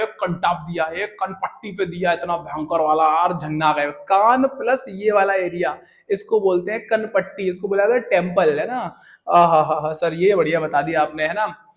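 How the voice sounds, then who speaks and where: A young man teaching English words in a casual, joking lesson, often asking questions and answering them himself. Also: high voice. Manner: chatty, jokey, asks and answers his own questions.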